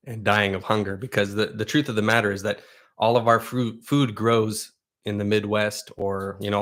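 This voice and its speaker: His voice is lowish with a fairly bright tone. Originally a Russian speaker, the man lives in Southern Oregon, USA, and hosts a casual livestream chat, taking viewer questions in a loose, rambling manner full of restarts.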